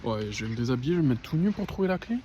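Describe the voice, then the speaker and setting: A man's voice: mid-range voice, very animated, rapid-fire, noisy background. A man in his twenties vlogging casually while driving and walking, exasperated and ranting, with crude swearing. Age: 20s. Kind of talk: casual vlog. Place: in a car on the road, then outdoors. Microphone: handheld phone camera.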